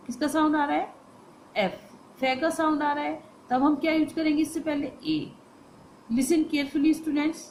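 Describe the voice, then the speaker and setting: A woman teacher explains a grammar lesson to students. She poses questions and answers them herself, and says the phrases slowly and with stress. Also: high-pitched, slight background noise, low-quality recording.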